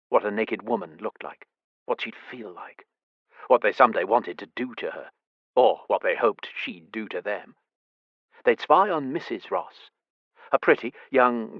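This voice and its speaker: A man reading a historical romance audiobook in a measured, expressive storytelling manner. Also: fairly low pitch, no echo, narrow, tinny audio. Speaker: audiobook narrator. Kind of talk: scripted audiobook narration.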